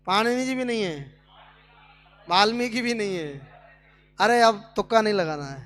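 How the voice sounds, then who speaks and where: A man teaching a Sanskrit class at a speaking camp, drilling students with questions. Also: high-pitched.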